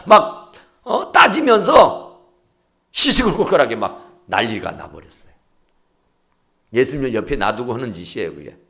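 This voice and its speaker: A male pastor preaches with wild swings in pitch. His voice sits high and keeps leaping around as he acts out the dialogue. He moves between shouts and near whispers. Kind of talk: sermon.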